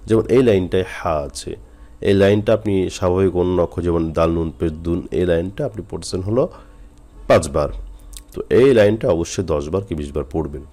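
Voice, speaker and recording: Low-voiced guy from jessore teaching quran letters, jessore bengali accent, says each sound slow and repeats it. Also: mellow. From Jessore, Bangladesh. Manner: patient, drills letters slowly and repeats them. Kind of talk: recitation lesson.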